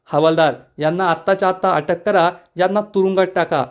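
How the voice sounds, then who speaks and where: A man's voice: high-pitched, fairly even intonation, brisk, clean tone, close to an everyday voice. A man reading the lines of a police inspector who questions and orders an arrest. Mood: commanding. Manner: formal, commanding. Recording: dull lo-fi recording.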